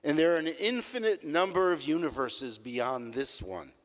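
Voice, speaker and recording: Older man, rabbi, reflective sermon, slightly higher voice, long hall echo. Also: animated. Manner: reflective storytelling, measured emphasis. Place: large synagogue sanctuary.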